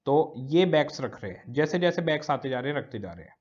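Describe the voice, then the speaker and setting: A man's voice: medium pitch, animated, a little fast, darkish tone, highs cut off. A male teacher giving a recorded lecture. He explains step by step, repeating key words and often checking that students follow.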